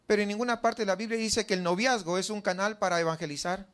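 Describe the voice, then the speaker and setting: A man with a high-pitched voice and a Mexican Spanish accent delivers a sermon in a church. He keeps asking his congregation rhetorical questions. He acts out their doubts in a raised voice. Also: fairly even intonation, fast, a bit bright. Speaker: pastor.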